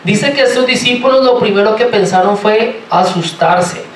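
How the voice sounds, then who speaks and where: A man from Colombia with a Colombian accent, preaching a sermon in a lively, joking way and asking the congregation many rhetorical questions. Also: sits high, moderate pace, slight background noise. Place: church sanctuary. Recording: roomy, from far off, faint ambience.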